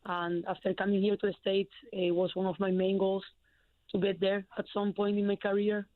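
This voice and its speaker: A young Spanish college basketball player with a Spanish accent answers questions in a phone-in radio interview, hesitating and using many fillers. Her medium-pitched voice is completely flat at normal speed, and the dry recording comes through a tinny phone line.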